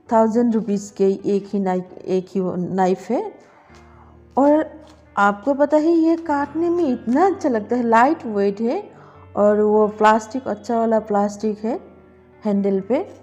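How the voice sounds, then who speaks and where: Slow-spoken woman cooking in her kitchen. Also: on the high side, warm tone, highs cut off, soft background music. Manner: slow, deliberate talk with pauses. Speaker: cooking vlogger. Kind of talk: casual cooking vlog chat. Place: home kitchen.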